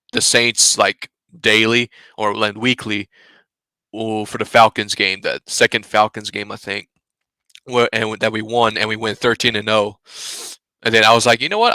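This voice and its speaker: A man's voice: lowish voice, bright, forceful tone, smooth, no echo. A young man hosting a casual live stream, talking bluntly and rambling, swearing freely and sniffling between sneezes. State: sneezing, stuffy. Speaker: fan channel host.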